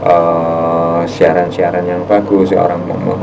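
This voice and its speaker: A man with a very deep, heavy bass voice explaining conversationally as a radio talk guest, often checking that the listener follows. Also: level tone, a little slow, creaky. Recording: distant mic, humming room noise.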